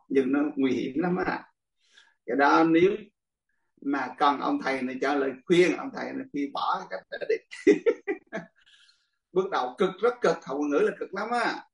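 The older monk's voice is gravelly and on the high side. Laughing frequently, he teaches his class casually and speaks straight to the students, captured far from the mic in an echoey space.

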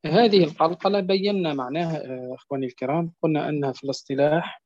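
Man teaching recitation slowly and repetitively. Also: on the high side, a little mellow. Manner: repeats each point and asks "clear?"; drills words slowly, stretching them out. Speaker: tajweed teacher. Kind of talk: recorded Quran recitation lesson. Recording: dull lo-fi recording.

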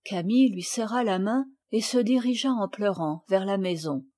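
A woman narrating a children's classic as an audiobook, with a clear, expressive reading. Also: medium pitch, moderate pace. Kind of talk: storybook reading.

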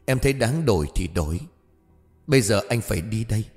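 A male narrator voicing a gentle, mysterious young man who speaks softly and tenderly. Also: fairly low pitch, animated, a little fast, long reverb tail, soft background music. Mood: calm. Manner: soft, hushed and tender.

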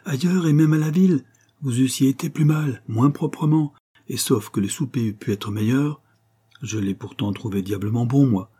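A man reading aloud, voicing a simple, superstitious coachman who speaks earnestly and respectfully, in a raised, husky voice. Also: medium pitch, normal speed, warm tone, natural voice. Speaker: postillion.

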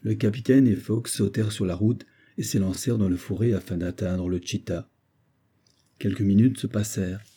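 Husky, dark-voiced male narrator. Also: on the low side, fairly even intonation, moderate pace. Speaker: audiobook reader. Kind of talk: scripted narration of a classic novel.

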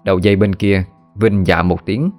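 Low-voiced man narrating a horror story. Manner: steady, measured storytelling. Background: faint background music.

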